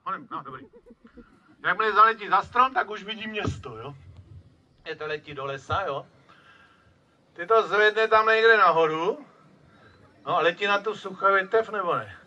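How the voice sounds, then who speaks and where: A man's voice: sits high, long pauses, dull audio. A man presenting a live outdoor falconry show, talking to the crowd with lots of tag questions. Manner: lively, addresses crowd, frequent tag questions. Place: outdoor field at a bird show.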